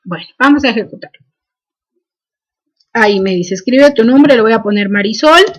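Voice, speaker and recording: A woman's voice: on the high side, normal speed. A woman, teaching a programming class and dictating each step with "este" fillers. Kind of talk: screen-recorded coding lesson.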